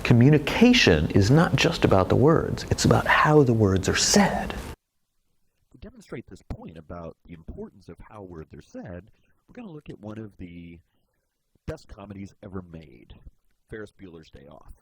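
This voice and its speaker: A presentation instructor teaches presentation skills in a video lecture, explaining expressively and demonstrating as he goes. His lowish voice swings widely in pitch at a moderate pace, on a low-quality recording with a little hiss or hum.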